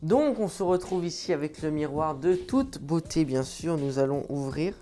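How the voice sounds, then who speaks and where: A man's voice: fairly high pitch, normal speed, dark tone, soft background music. Chatty joking man vlogging from home. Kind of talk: casual vlog chat. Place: at home indoors.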